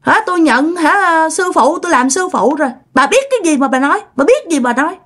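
A woman's voice: lively intonation, a little fast, fairly bright tone. A woman voicing the angry, defiant spirit of a dead teenage girl speaking through a possessed relative in a told ghost story. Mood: resentful. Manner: snapping, shrill, accusing.

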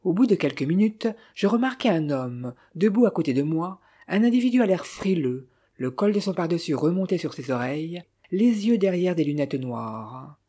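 A reader voicing a cheerful, idle young man who teases his father and recounts his day, in a low, husky, mellow tone. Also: sing-song, moderate pace, few pauses. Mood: recounting. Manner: cheerful, teasing, casually recounting.

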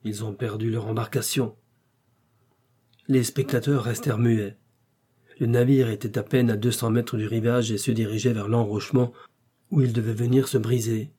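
Brief: male narrator, mellow, slightly husky, measured audiobook read. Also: mid-range voice, steady tone. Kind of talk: audiobook reading of a novel.

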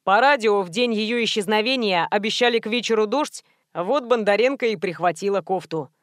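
A woman's voice: mid-range voice, brisk, no echo, clean studio sound, close to an everyday voice. Male police investigator, voiced by a female reader, informative, matter-of-fact, audiobook. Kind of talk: audiobook character voice.

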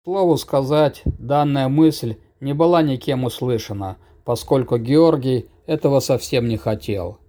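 A man reading a fantasy story aloud as an audiobook narrator, steady and measured. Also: medium pitch.

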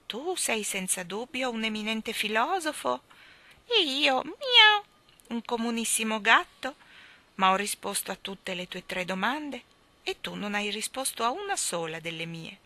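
A sly, proud storybook cat purrs out its words and drops in high squealing meows, as a woman reader puts it on. The tone is bright and sharp. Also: big pitch swings, unhurried, heavily acted. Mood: mocking.

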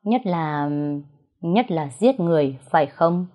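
Woman doing a cold scary boss guy, calm and measured, low voice. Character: cold, feared male boss figure.

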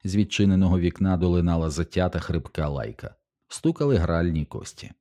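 A man narrating an audiobook in a calm, measured reading. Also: deep voice. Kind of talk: scripted narration.

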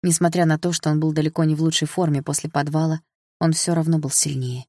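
Low-voiced woman reading first-person prose. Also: level tone, quick pace, a little mellow, no room sound, clean studio sound. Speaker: audiobook narrator. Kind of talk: first-person scripted narration.

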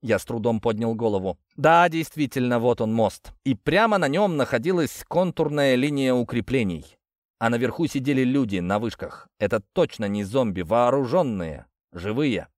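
Man, audiobook narrator, first-person, steady grim telling, mid pitch, dry studio sound. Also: normal speed, no echo.

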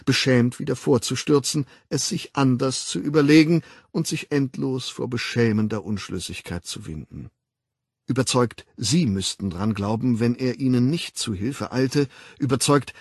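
A man's voice: mid-range voice, vocal fry, slightly rough, dry recording, clean studio sound. A man reading a novel aloud in a dramatic audiobook narration style. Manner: dramatic, shifts into character voices.

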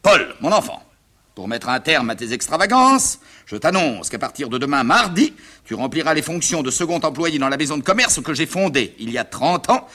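A man voicing an exasperated middle-aged bourgeois father, who bursts out in shrill, indignant scolding in a one-man reading of a stage comedy. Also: bright, forceful tone.

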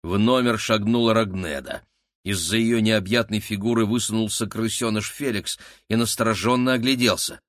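A man narrating an adventure audiobook in an expressive storytelling manner. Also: fairly low pitch, moderate pace, dry recording, studio quality.

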